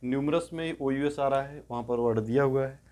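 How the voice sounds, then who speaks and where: A man at an ordinary middle pitch leads a step-by-step grammar lesson. He is patient and unhurried, repeating each word form slowly. He explains in Hindi and says the English forms aloud. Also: darkish tone.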